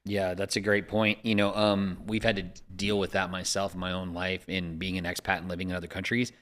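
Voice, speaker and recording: A man hosting a casual discussion, talking in a measured, reflective way and often restarting his sentences. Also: deep voice, level tone, fairly bright tone. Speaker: podcast host.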